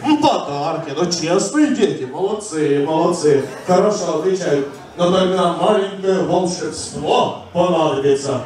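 Jolly old Father Frost , played by a man, kids party magician manner, unhurried delivery, picked up from afar in a live hall. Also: fairly high pitch, darkish tone, natural voice. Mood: playful, coaxing. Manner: kids party magician, coaxing children through magic words. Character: Grandfather Frost, jolly forgetful old winter wizard. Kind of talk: live children's New Year party performance. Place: banquet hall, indoors. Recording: roomy, distant camera pickup with music.

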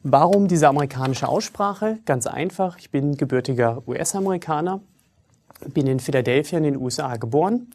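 A man in his thirties who grew up in Germany, a trainer giving a scripted video lecture in a lively, wry, self-ironic manner, recorded in a studio on a clip-on mic. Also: fairly high pitch, a little fast. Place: studio with a virtual library backdrop.

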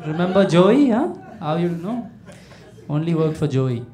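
Young man doing lively stand-up. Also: fairly high pitch, measured pace. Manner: lively, conversational, acts out quoted people. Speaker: stand-up comedian. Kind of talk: stand-up comedy set. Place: small comedy club stage. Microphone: handheld mic. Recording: live club recording with loud audience laughter. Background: audience laughter.

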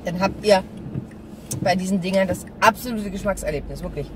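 Recorded on a dashboard camera at arm's length inside a small car, a vlogger talks casually and loosely in a mid-range voice, a little fast. Loud car noise runs under the whole clip.

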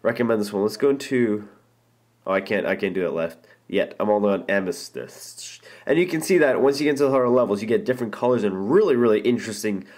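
A man's voice: on the low side, quick pace, darkish tone. Young man rambling through a game demo. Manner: rambling, enthusiastic, many ums and restarts. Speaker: app reviewer. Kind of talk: casual gameplay walkthrough. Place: indoor room, filming a phone screen.

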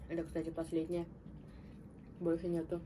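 A woman's voice: lowish voice, completely flat delivery, moderate pace. A woman hosting an eating video, talking with her mouth full and chewing, humming appreciatively between short remarks. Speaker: mukbang host. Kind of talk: casual eating chat. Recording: distant mic with background noise.

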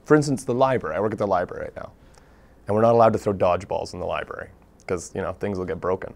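Gravelly guy on a local tv chat show, eager storyteller, keeps restarting his sentences. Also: deep voice, very fast. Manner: earnest, animated storytelling with frequent restarts. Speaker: guest, local theatre artist. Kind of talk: casual interview talk. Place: TV studio.

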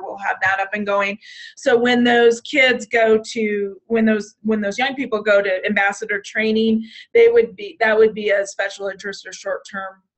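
A state 4-H program leader, a woman with a medium-pitched, fairly bright voice, runs an online orientation for youth program staff. She speaks conversationally, often saying "um" and restarting sentences. Her voice is tiring as she loses it.

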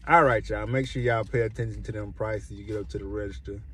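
A man doing a casual food review, chatty and relaxed, repeating himself and chuckling often. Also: fairly low pitch, quick pace. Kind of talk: casual product review vlog.

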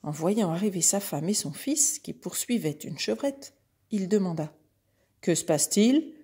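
A woman reading a children's animal story aloud in a slow, even storytelling manner. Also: fairly low pitch, breathy edge.

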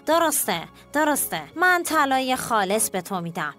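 A woman's voice: high-pitched, very animated, bright, forceful tone, faint music behind, heavily acted. A woman voicing a clever, boastful male donkey in a children's cartoon story, coaxing and scheming.

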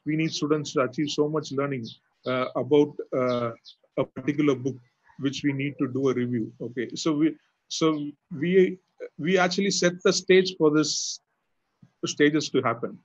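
A man, answering questions in a webinar as an architecture lecturer, pausing often with fillers and restarts. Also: a little high, fairly even intonation, no room sound. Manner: hesitant, many fillers and restarts. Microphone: video call mic. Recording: muffled lo-fi webinar audio.

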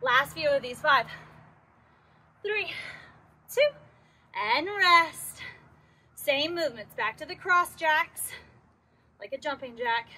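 Woman fitness instructor, winded, high and bright, unhurried countdown cues. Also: expressive. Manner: encouraging, counts down intervals, works out while talking. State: out of breath. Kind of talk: workout class cueing with countdowns.

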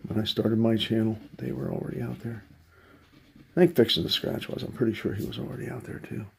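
A man's voice: on the low side, fairly even intonation, fairly quick, gravelly, darkish tone, a little hiss or hum. A man hosting his own lottery video, talking to himself in a wry, sarcastic running commentary as he scratches tickets. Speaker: channel host.

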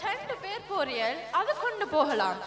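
A woman with a Sri Lankan Tamil accent playing a chatty neighbour woman in an amateur stage play, talking in a breezy, quick way. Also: high voice, sing-song, crowd noise. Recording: stage recording with audience noise.

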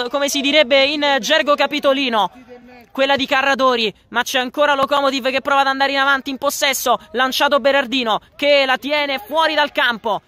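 A man giving excitable, breathless live football commentary. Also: extremely high pitch. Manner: excitable, breathless running goal-action commentary. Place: outdoor floodlit football ground at night.

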